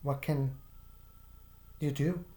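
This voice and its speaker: A soft-spoken man calmly guides a visualization in the second person, moving slowly. His voice is mid-range, and casual filler words pop up throughout.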